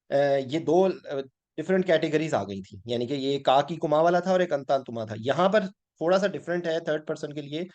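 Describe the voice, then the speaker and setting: A man's voice: fairly high pitch, darkish tone. A man teaching a weekly Quran class, patiently explaining grammar and often checking "ठीक है?" as he mixes in English words.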